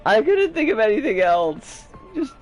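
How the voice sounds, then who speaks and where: A man's voice: sits high, very animated, moderate pace, a little mellow, faint music behind, low-quality recording. A man chatting casually as a game streamer, with a sardonic, rambling, sweary manner. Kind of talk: casual livestream chat and commentary.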